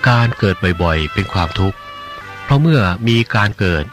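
In an audiobook reading of a religious novel, a man voices a calm, gentle monk who teaches in a measured, gently admonishing way. His voice is deep, and music plays in the background.

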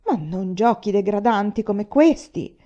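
A woman's voice: mid-range voice, animated, a little slow, dark tone, highs cut off, close to an everyday voice. A woman reading the lines of an idealistic young man, indignant and pleading against cruelty.

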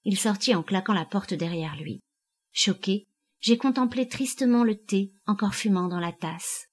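A woman reads a first-person audiobook aloud. Her narration is measured and expressive. Her voice sits at a middle pitch.

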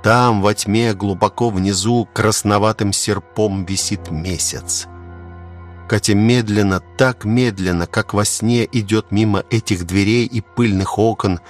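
Low-voiced man slowly narrating a novel. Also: steady tone, faint music behind. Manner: slow, measured reading. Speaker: audiobook narrator.

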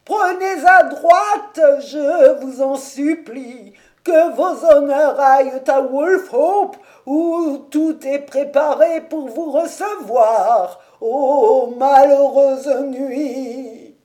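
A woman voicing a frantic, loyal old male servant who cries out in drawn-out, breathless wails. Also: fairly high pitch, animated, mellow, voice pushed up.

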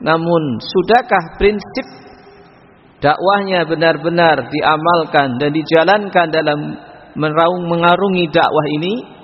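A man giving a religious lecture, chanting Arabic phrases slowly and then explaining them in a measured way, on a lo-fi recording. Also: a little high, husky. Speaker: Islamic preacher. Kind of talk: sermon-style religious lecture. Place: mosque or lecture hall. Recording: lo-fi recording with long hall reverb.

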